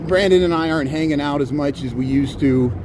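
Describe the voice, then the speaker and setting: A man chatting casually on a livestream outdoors, rambling and halting, often repeating his words. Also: fairly high pitch. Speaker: live streamer. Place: outdoors on a city riverwalk. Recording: outdoor livestream with clear city noise.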